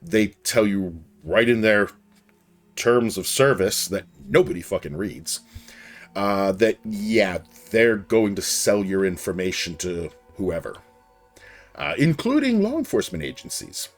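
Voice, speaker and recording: A man's voice: fairly low pitch, very animated, unhurried, soft background music. A man streaming a game live, chatting casually and rambling off on tangents as he answers his chat.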